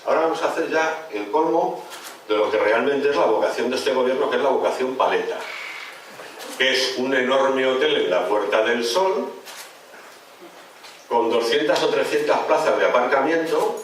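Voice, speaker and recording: A man's voice: mid-range voice, expressive, normal speed, slight background noise. A man giving an impassioned, sarcastic rally speech full of rhetorical questions. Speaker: political speaker at a rally. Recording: echoey hall, mic far off.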